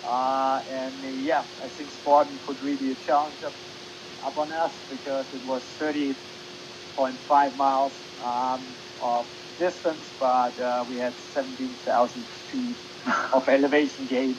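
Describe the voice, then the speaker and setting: A man who is a podcast guest explains things at length, often pausing on ums and uhs. His pitch sits at a middling level, and a steady hiss is plain behind him. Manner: filler-heavy, explanatory. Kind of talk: casual podcast chat. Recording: hissy recording.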